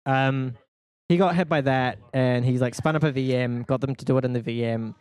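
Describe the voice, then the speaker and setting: A man's voice: medium pitch, moderate pace, darkish tone, smooth, no room sound. Casual joking male podcast co-host. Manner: rambling, joking, swears freely. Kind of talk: casual chat.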